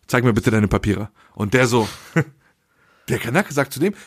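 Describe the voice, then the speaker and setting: A man chats on a podcast in loose street slang and jumps into the voices of the people in his story. His voice is a little husky. The sound is dry, with no room around it. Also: medium pitch, measured pace, no echo. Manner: slangy, animated storyteller acting out dialogue. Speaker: podcast co-host. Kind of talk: casual chat, anecdote storytelling.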